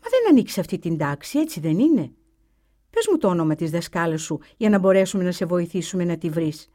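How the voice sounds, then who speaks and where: A woman voicing a kind, puzzled schoolteacher who asks gentle questions. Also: fairly low pitch, big pitch swings.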